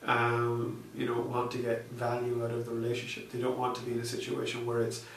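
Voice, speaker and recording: Speaking a little fast in a mid-range voice with a completely flat delivery, this man is a software researcher answering interview questions. He's hesitant and conversational, full of fillers and false starts. The room echoes, the mic is far off, and there's faint noise.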